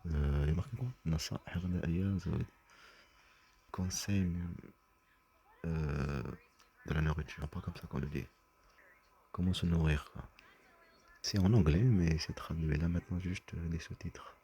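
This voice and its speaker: A man's voice: deep voice, measured pace, long pauses, mellow, a little hiss or hum. A man talking in a rambling personal monologue, agitated and often stumbling over and repeating his words. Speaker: vlogger.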